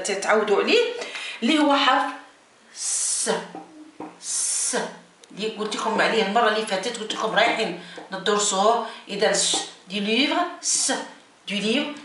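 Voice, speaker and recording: A woman's voice: fairly high pitch, sharp tone. Patient woman teacher in an echoey room. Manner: slow, repeats letters and words, drawn-out explanations. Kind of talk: French lesson for beginners. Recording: echoey room, mic at a distance, faint noise.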